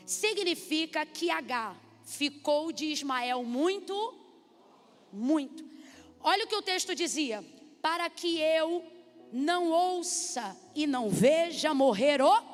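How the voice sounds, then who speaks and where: Brazilian female preacher, very high pitch, lively sermon delivery in a reverberant church. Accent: Brazilian Portuguese. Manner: animated, calls out to the congregation. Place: church hall. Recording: echoey hall with faint music.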